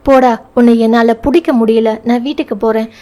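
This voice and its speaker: A woman reading the part of an emotional young wife in an audio novel, quick to anger and to tears. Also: on the high side, steady tone, mellow, lightly acted. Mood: annoyed. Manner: pleading, sobbing tone. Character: young wife, quick-tempered, tearful and loving.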